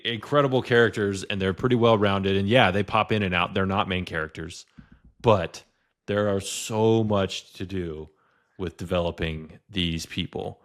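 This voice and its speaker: Deep-voiced man in casual podcast chat. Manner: rambling, many "like" fillers. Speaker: podcast co-host.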